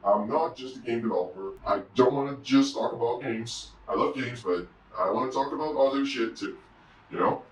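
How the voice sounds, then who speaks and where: A man talking through a voice changer that shifts his voice deeper, speaking hesitantly in a casual confessional vlog from his room. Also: normal speed. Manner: hesitant, rambling, many "you know"s. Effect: deep pitch-shifting voice changer. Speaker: indie game developer and vlogger. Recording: roomy and distant, faint hum.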